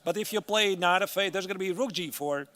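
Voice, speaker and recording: High-pitched man analysing chess live. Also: quick pace, fairly bright tone. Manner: thinks aloud through moves, conversational.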